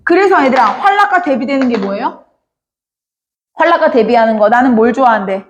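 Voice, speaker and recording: A woman's voice: fairly high pitch, lively intonation, a little fast, a little hiss or hum. A woman teaching a classroom literature lecture, often calling out to her students and asking whether they understood. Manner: addresses students often, asks many check questions.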